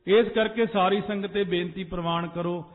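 A man's voice: high-pitched, steady tone, moderate pace. A man preaching a Sikh sermon to a congregation, telling stories and sometimes chanting phrases. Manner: storytelling, exhorting the congregation. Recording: phone-like echoey hall recording.

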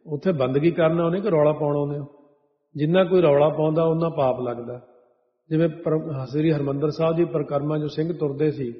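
Man preaching in a dull echoey hall. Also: on the high side. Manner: slow, chants verses then explains line by line. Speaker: Sikh preacher giving katha. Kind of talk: sermon with chanted scripture.

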